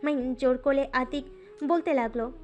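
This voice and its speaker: Female narrator for a romance audio story, high and smooth over faint music. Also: normal speed, darkish tone.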